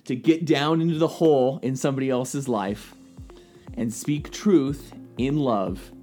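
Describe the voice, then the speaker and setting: A man, an associate pastor co-hosting a podcast, who chimes in affirmingly and tells a story in a steady way. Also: mid-range voice, measured pace, faint music behind. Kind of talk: casual podcast chat and storytelling.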